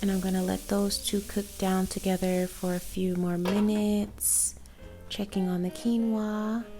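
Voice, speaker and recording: A young woman talks through her cooking in a casual, unhurried way. Her voice is mellow and warm, with a gravelly fry at the ends of phrases. Soft music and a sizzling pan play behind her. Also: medium pitch. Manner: relaxed step-by-step narration with fillers. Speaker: cooking vlogger.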